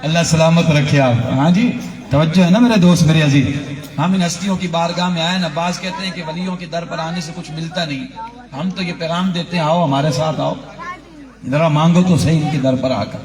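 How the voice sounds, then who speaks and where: A man's voice: on the high side, darkish tone. A man preaching a fiery devotional sermon, rousing the crowd to chant back. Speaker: preacher at a shrine gathering. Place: large gathering at a shrine. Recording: echoey hall, far from mic, crowd.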